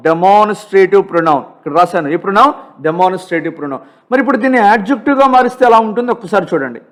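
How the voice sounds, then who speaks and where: A man with a Telugu accent teaching English grammar for an exam, asking questions and answering them himself, and reading example sentences slowly. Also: sits high, expressive. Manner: asks and answers his own questions, slow drilled examples. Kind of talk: exam-prep grammar lesson.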